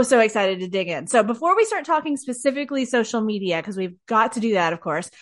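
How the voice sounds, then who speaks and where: A woman with a lilt hosts a podcast interview. Her voice sits a bit high, and she gushes with enthusiasm, stacking up compliments for her guests. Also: a bit bright. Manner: enthusiastic, gushing. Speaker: podcast host.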